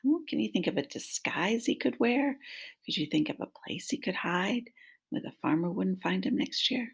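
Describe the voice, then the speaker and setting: An interactive read-aloud: a woman in her fifties takes young children through a picture book, prompting them with questions, recorded by laptop at arm's length in a small room at home. Her mid-range voice is creaky and slightly rough, expressive, at a normal speed.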